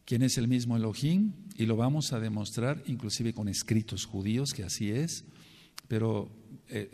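A man's voice: lowish voice, a little mellow, long reverb tail. A man with a Mexican Spanish accent giving an earnest sermon-style Bible lesson, repeating and spelling out words to stress them. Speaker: congregation leader teaching.

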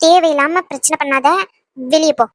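A woman's voice: high-pitched, normal speed, no echo, close to an everyday voice. A woman voicing a young woman who firmly tells a pushy ex-lover to back off, in a cartoon dub. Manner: firm, scolding. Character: young woman turning away her pushy ex.

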